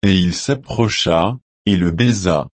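A man voicing an old blind father giving his blessing, in a slow, solemn reading. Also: low-pitched, slightly rough, no echo, full character voice.

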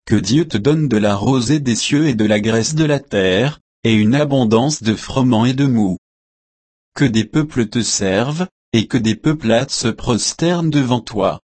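A man reading the lines of an elderly blind father who blesses his son, slow and solemn. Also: mid-range voice, darkish tone, slightly rough, no room sound.

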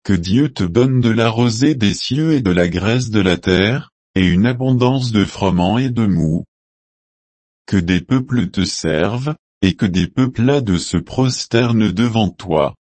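A man voicing an old blind father giving his blessing, in a slow, solemn reading. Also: on the low side, animated, darkish tone, no room sound.

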